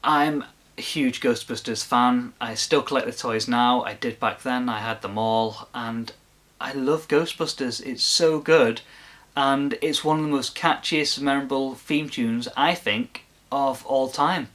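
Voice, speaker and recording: A man's voice: mid-range voice, unhurried, a bit bright. A man hosting his own video, talking casually and gushing with enthusiasm in a rambling way. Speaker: video host. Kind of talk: casual chat to camera.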